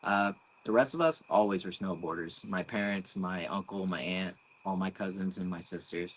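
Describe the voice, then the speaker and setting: Bright-voiced young man in chat. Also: low-pitched, moderate pace, poor audio. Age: 20s. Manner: reads out viewer comments chattily. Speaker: livestream co-host. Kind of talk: casual livestream chat.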